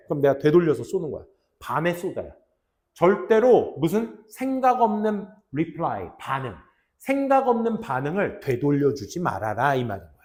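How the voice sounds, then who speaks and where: A young adult man teaching an English reading lesson in casual speech, often dropping to low mutters and acting out students' lines. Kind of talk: classroom lecture.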